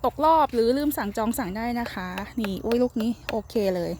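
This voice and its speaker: An organic farm seller, a woman, chats casually while demonstrating how to check watermelons in a field. She's chatty and uses polite particles, tapping the fruit and listening to it. Her voice is a little high and fairly quick, with background noise.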